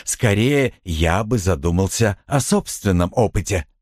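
A man's voice: low voice, expressive, a little slow, a little mellow, no echo, studio quality. A man doing a coaxing middle-aged husband. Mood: cold. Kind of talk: audiobook character voice.

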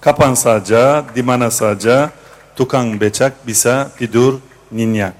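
A man who works as a teacher, speaking casually and reflectively to an audience, pausing with fillers. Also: medium pitch, background noise.

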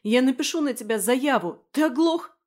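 A defiant young woman hurls sharp, shouted retorts, pitch leaping high and loud, as a woman acts her out in an audiobook. Her voice swings freely and stays fierce. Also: animated, moderate pace. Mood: furious. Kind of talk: audiobook dialogue acting.

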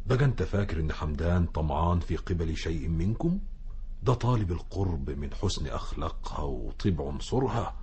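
An actor playing a calm, pious older village sheikh who counsels slowly and quotes scripture in an Egyptian accent, in a 1960s radio drama. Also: male voice, low-pitched, slight background noise, close to an everyday voice. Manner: measured, quoting scripture.

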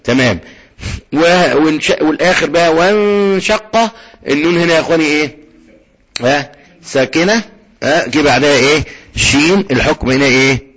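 A man with an Egyptian accent teaching tajweed. He often asks a question and answers it himself, and he recites slowly when he gives an example. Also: fairly high pitch, a bit bright, husky, highs cut off. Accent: Egyptian Arabic.

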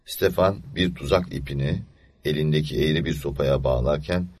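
A man reading an audiobook story aloud in a measured, low-key storytelling manner. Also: a little mellow, breathy edge, no echo. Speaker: narrator.

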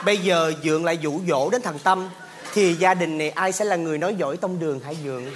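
A man acting in a comedy sketch, speaking in a calm, mock-formal way. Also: on the high side, quick pace, noisy background. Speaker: comedian playing a son.

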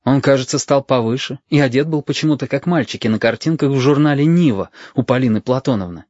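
A man's voice: medium pitch, fast talker, a little mellow, dry recording. Man narrating a story in a dull recording. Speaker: audiobook narrator. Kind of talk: scripted narration. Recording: dull, dry lo-fi audio.

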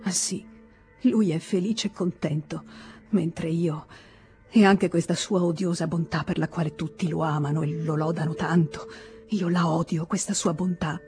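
A woman's voice: steady tone, normal speed, over music, lightly acted. A woman reading as a furious betrayed wife. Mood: bitter. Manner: shrill, furious outbursts. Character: angry betrayed wife, bitter and shouting.

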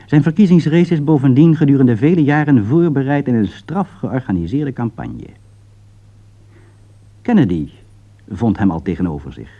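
A man with a lowish voice reads a scripted political commentary for broadcast. His delivery is formal, emphatic, and rhetorical, and the recording has its highs cut off.

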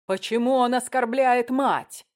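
A woman reading an audiobook, voicing a coarse, angry bearded man who shouts roughly. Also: a little high, unhurried, voice pushed up, close to an everyday voice.

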